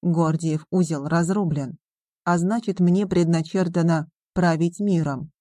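A woman reading the part of a proud, imperious young conqueror-king, slow and stern. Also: on the low side, steady tone, mellow, no room sound, lightly acted.

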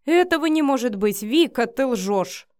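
A woman's voice: medium pitch, expressive, measured pace, smooth, natural voice. A woman reading the lines of a hungover, flustered young man who keeps exclaiming in protest.

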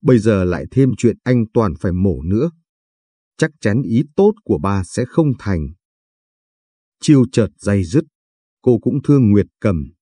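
A man narrating a novel as an audiobook in a calm, even storytelling manner. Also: fairly low pitch, measured pace, slightly rough, no room sound.

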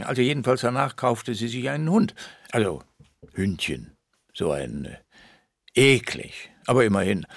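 A wry, deadpan radio-play storyteller with a gravelly, low voice. He lays out a grim story flatly, with dark humor. The telling stays dry and unhurried. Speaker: radio drama actor. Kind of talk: radio drama acting.

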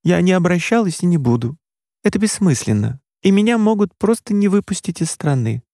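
Tearful mother in a high strained voice, a male reader doing her, dry close read. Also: big pitch swings, brisk, mellow, no echo. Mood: upset. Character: distraught sobbing mother, middle-aged woman.

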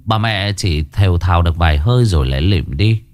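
A man narrating a horror story in a dramatic, measured way. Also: sits low, expressive, darkish tone.

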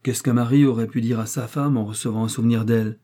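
A man's voice: mid-range voice, fairly even intonation, fast, warm tone, natural voice. A man voicing a surly impostor sea captain who answers scornfully. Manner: scornful, dismissive.

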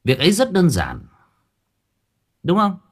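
A husky-voiced man talking straight to his livestream viewers, retelling a folk tale as a joke. His pitch swings up and down in a lively way, and he rambles along with chatty fillers and asides. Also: slow pace. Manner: chatty, jokey, with many fillers. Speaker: livestream seller and storyteller. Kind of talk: casual comic story retelling to viewers.

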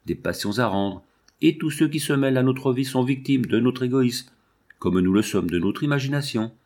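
A man's voice: medium pitch, a little mellow, lightly acted. A man reading an audiobook, voicing a melancholy, reflective aging poet in an earnest, musing delivery.

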